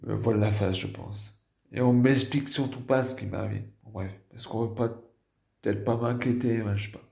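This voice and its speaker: A tired man with a nasal voice and a northern French accent from the Nord, telling a personal story in a halting way with many fillers and restarts. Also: on the low side, fairly even intonation, creaky, warm tone, echoey room. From Nord, northern France.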